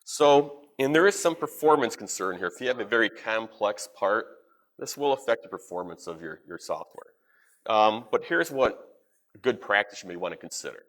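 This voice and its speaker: A man giving practical advice in a live software demo at a conference session. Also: lowish voice, lively intonation, normal speed. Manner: practical, advisory. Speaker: presenter.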